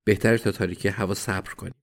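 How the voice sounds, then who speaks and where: A man reading a gentle, earnest foreign man. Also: low-pitched, fairly even intonation, no room sound, studio quality. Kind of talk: audiobook reading.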